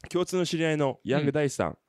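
A man's voice: fairly high pitch, moderate pace, no room sound, studio quality. A young man hosting a casual podcast interview, upbeat and eager, full of casual slang and praise for his guest. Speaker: podcast host.

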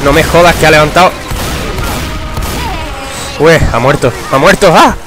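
A young man giving casual, excitable gameplay commentary, swearing and breaking into shouts. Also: fairly high pitch, a little slow. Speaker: gamer. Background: game music.

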